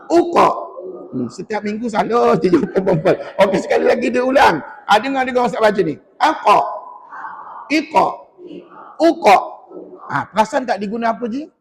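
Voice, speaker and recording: A man with an extremely high, slightly rough voice and a Malaysian Malay accent teaches Quran recitation in a mosque hall. He quizzes his class and models each sound for them to repeat, and long mosque reverb fills the recording.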